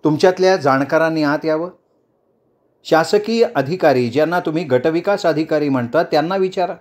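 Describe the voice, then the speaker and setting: A man's voice: a little high, a little fast, darkish tone, natural voice. A man voicing a defiant woman council chair who addresses a crowd in a rousing, commanding speech.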